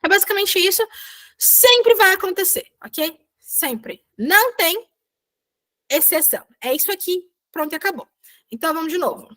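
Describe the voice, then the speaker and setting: A woman's voice: very high-pitched, lively intonation, moderate pace, pushed and bright. A young woman teaching a language lesson over a video call, chatty, checking in with her students every few sentences. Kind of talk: online class explanation.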